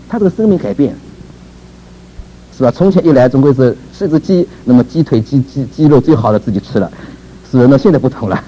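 A man's voice: medium pitch, mellow, lo-fi sound, a little hiss or hum. A man preaching a sermon in a conversational way, asking rhetorical questions, chuckling and repeating words.

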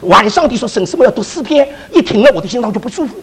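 A man preaches a testimony with a high, husky voice. He tells his story at a quick pace, with a lively, swooping delivery and frequent restarts and fillers. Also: rough recording. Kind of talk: testimony sermon.

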